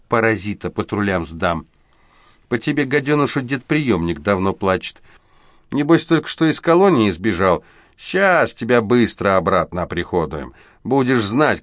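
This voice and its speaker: A man voicing a gruff, plain-spoken companion who scolds bluntly, in an audiobook. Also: on the low side, sing-song, normal speed, no room sound, studio quality. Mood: scolding.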